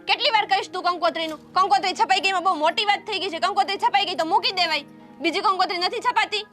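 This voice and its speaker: A woman acts in a family drama as the stubborn younger sister who insists on marrying first, arguing defiantly with her family. Her very high voice is fast and fairly bright, with faint music behind.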